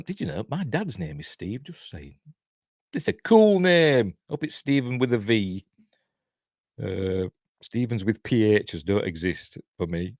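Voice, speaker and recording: Recorded cleanly in a studio with no echo, a middle-aged Yorkshire man with a lowish voice chats his way through a casual livestream. He reviews TV for his channel, wandering off on tangents and poking fun at himself.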